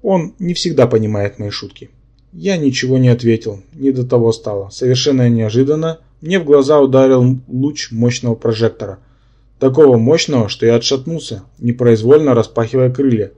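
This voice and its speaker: A man reading a fantasy audiobook in first person, with a wry, measured delivery. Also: mid-range voice, mellow, lo-fi sound. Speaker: audiobook narrator.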